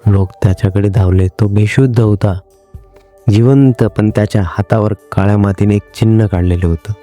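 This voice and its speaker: A man narrating a horror story in a measured, suspenseful way. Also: on the low side, fairly even intonation, warm tone, faint music behind.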